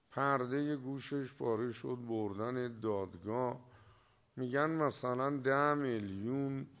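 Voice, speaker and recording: A man preaching a sermon, drawing out key words slowly and posing rhetorical questions to his listeners. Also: medium pitch. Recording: dull lo-fi recording.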